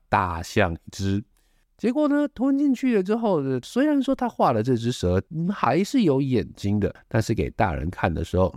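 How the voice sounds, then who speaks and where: A man's voice: on the low side, warm tone, no echo, clean studio sound. A man hosting an English lesson, reading a storybook aloud and then explaining pronunciation with lots of examples and sound demos. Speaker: English teacher and host.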